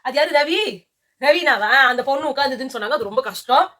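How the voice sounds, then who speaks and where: A woman reviewing a reality show promo in casual chat, animated and mocking as she talks over her co-host. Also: sits high, quick pace.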